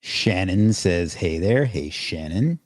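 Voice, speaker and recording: A man with a very low voice hosts a casual live stream. He rambles and greets viewers by reading out their comments. The sound is dry and close, with no room around it. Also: expressive, slow, no room sound. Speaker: livestream host.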